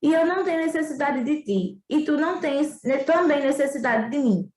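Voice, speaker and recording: A wise, patient female fox from a storybook, voiced by a Northeastern Brazilian woman reading aloud, explaining things in a calm, raised voice. The room adds a roomy echo. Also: high voice, moderate pace, pitched above the performer's own voice.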